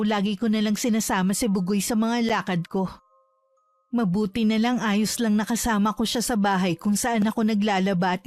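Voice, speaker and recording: A woman's voice: mid-range voice, a little mellow, dry recording. Woman narrating a horror story. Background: faint background music.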